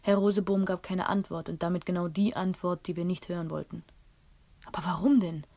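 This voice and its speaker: A woman reading a first-person story aloud in a calm, measured way. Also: lowish voice. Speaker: audiobook narrator.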